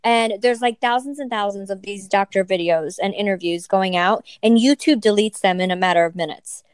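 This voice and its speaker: Woman cohost, clear smooth voice, kinda high, earnest chatty, dry sound. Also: a little fast, dry recording. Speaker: podcast co-host; store owner. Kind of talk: casual chat.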